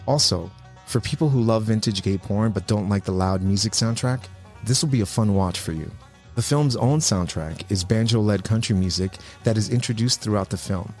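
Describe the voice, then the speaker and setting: A man narrating a scripted video essay in a measured, informative way. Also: on the low side, a little mellow. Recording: voice-over with music underneath.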